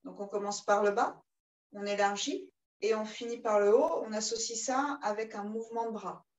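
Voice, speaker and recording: A woman teaching a yoga class, giving calm, guiding cues and chanting rhythmic breath sounds. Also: medium pitch, normal speed, low-quality recording. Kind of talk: guided yoga class instruction.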